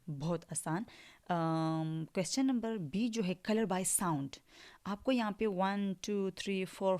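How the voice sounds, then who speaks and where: A woman teacher leads a virtual phonics class in Hindi sprinkled with English. Her voice sits low, and she takes her time, spelling every word letter by letter before saying it whole. She keeps checking in with her pupils with a steady "theek hai". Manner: slow drills, spells words letter by letter then says them; mixes English words into Hindi, repeats "ठीक है" often. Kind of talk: online English phonics lesson.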